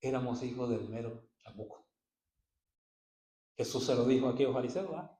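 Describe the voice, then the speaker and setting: Preacher in an echoey church. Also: male voice, fairly quick. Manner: swings from low murmurs to loud bursts of praise. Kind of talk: sermon. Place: church hall.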